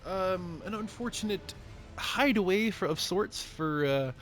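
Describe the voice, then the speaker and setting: A man's voice: high-pitched, expressive, measured pace, fairly bright tone, pitched above the performer's own voice. A man voicing a cheery, motherly little dwarf woman apothecary in a tabletop game. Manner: sing-song, calls people honey.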